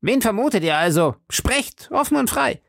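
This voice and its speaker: A man voicing a suspicious, sharp-eyed male police commissioner who asks probing, doubtful questions. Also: extremely high pitch, sing-song, moderate pace, creaky, no echo, studio quality, pitched above the performer's own voice, exaggerated voice. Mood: interrogating.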